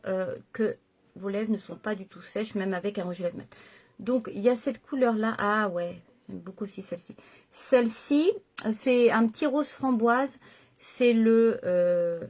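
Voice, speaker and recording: A middle-aged woman chatting casually through a makeup tutorial at home, hesitating and correcting herself as she goes. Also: fairly high pitch. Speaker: makeup vlogger.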